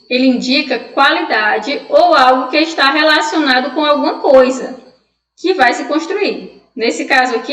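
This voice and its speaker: A woman teaching a Spanish pronunciation lesson, explaining patiently and drilling words slowly. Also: sits high, fairly bright tone, recorded from a distance. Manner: explanatory, drills words slowly, asks students' questions aloud. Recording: echoey room, voice off-mic.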